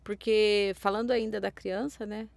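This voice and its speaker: A woman with a Brazilian accent talks through ideas in a relaxed podcast chat, her voice carrying a gravelly fry. She often checks in with a quick tag question, and the sound is dry and close with no room around it. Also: medium pitch, no room sound. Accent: Brazilian Portuguese. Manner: explanatory, frequent tag questions. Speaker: podcast co-host. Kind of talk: casual podcast discussion.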